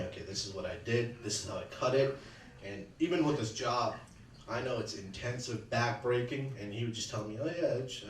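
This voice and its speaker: A man speaking at a memorial in earnest, halting sentences with many restarts, remembering his late father-in-law. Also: mid-range voice. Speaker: eulogy speaker, son-in-law. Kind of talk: personal remembrance speech. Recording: echoey room, distant mic, faint background hum.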